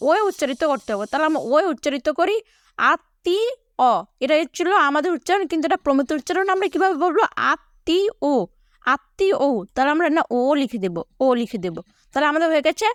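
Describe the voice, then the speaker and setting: A woman teacher explaining a lesson to schoolchildren, repeating each word slowly and asking her students whether they understood. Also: high voice, no room sound, clean studio sound. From Bangladesh.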